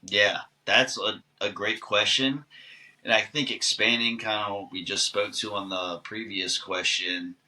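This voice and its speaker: A male actor talks easily and at length as a podcast guest. His voice sits low but rings very bright and forceful. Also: measured pace, low-quality recording. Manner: relaxed and chatty, long-winded answers. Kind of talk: casual podcast conversation.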